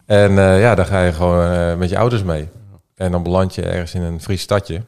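A Dutch man, a pastor's son, telling childhood stories in a casual talk, with many pauses and fillers. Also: low-pitched, level tone, a little mellow, clean tone. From Netherlands. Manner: hesitant, filler-heavy storytelling. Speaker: guest. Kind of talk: casual podcast conversation.

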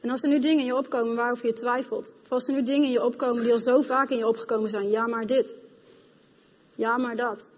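A woman's voice: on the high side, steady tone, rapid-fire, hardly any pauses. A woman preaching a passionate sermon to a congregation in a church hall, speaking to them directly. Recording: dull, reverberant hall sound.

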